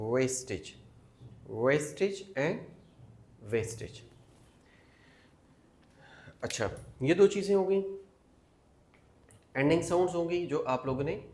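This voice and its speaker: A man teaching English pronunciation, explaining step by step, repeating words and asking rhetorical questions, and often clearing his throat. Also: on the high side. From Pakistan. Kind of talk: classroom lesson explaining pronunciation.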